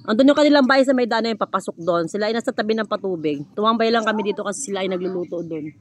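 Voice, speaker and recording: A woman's voice: medium pitch, rapid-fire, slight background noise. A middle-aged woman with a Filipino accent, chatting casually to viewers while filming a rural yard on her phone, laughing often. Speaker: vlogger. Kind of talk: casual vlog walkthrough.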